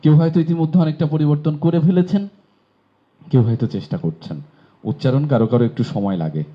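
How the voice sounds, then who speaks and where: A man from Bangladesh teaches pronunciation in a classroom lecture, his voice on the high side and fairly quick. He explains patiently and poses rhetorical questions, captured on a dull lo-fi recording.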